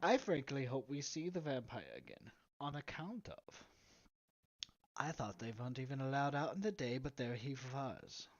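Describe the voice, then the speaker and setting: A man talking in casual tabletop role-play, rambling and dropping into quiet asides. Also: mid-range voice, animated, moderate pace. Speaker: player. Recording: slightly muffled with faint hiss.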